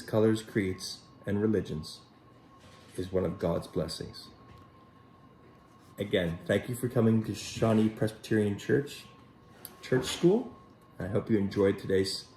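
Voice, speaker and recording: Heard through a rough recording with a little hiss or hum, a man with a fairly low, creaky voice reads a Bible story to children. He goes gently and unhurriedly, pausing to address them directly as a Sunday school teacher.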